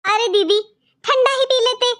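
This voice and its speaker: A very high, whiny sister-in-law from a family cartoon, as a woman plays her. She sounds sugary on the surface, complains without end and is passive-aggressive throughout. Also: moderate pace, a bit bright. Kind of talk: cartoon voice acting.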